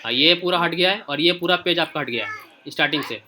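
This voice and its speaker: A man's voice: on the high side, fairly quick, noisy background. A man teaching a class online, talking informally and directly to his students while going through pages and checking in often. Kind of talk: casual screen-share lesson.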